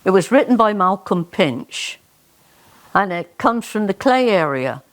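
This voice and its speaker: A woman's voice: mid-range voice, big pitch swings, a little slow. A woman with a Cornish West Country accent, introducing a dialect song to a live gathering as a folk performer.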